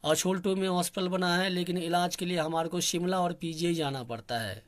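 A man's voice: high voice, steady tone. Earnest young man. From Kinnaur, Himachal Pradesh, India. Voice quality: soft, quiet voice. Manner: earnest, complaining, many pauses and fillers. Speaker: local activist speaking on a channel. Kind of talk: spoken public appeal.

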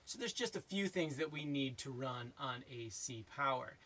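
A man's voice: medium pitch, expressive, moderate pace, pushed and bright. A man in his forties presenting an explanatory vlog from inside a small trailer. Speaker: vlog co-host.

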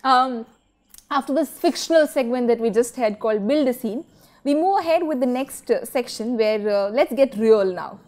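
A woman hosting an interview, moving briskly between segments. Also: fairly high pitch, expressive, a little mellow. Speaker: interviewer, show host.

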